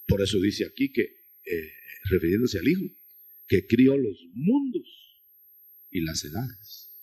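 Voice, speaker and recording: Husky man preaching with a lively voice. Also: fairly low pitch. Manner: teaching, explaining scripture with many restarts; addresses listeners as brother. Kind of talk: sermon. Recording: 1990s.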